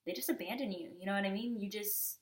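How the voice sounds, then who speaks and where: A woman's voice: medium pitch, fast talker. A young adult woman giving a casual tarot reading, chatty and conversational, often checking in with "you know what I mean.". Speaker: tarot reader.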